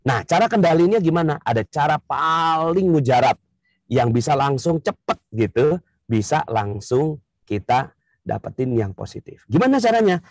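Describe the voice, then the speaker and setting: Husky-voiced man giving a lively seminar talk. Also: a little high, normal speed, dry recording. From Indonesia. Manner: lively, rhetorical questions, acts out scenes. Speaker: motivational religious speaker.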